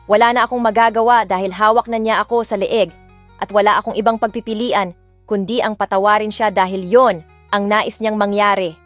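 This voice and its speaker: Narrating as the heroine of a romance audiobook, a Filipino-accented woman speaks in Tagalog and English at a fairly quick pace. Her medium-pitched voice keeps a fairly even intonation, conveying emotion with restraint while music plays beneath.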